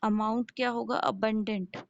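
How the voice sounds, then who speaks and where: A woman nursing lecturer gives a classroom lecture in a fairly high, gravelly voice with fairly even intonation and a moderate pace. She explains step by step, poses questions and answers them herself, and checks in with listeners. The recording is dry, dull, and lo-fi.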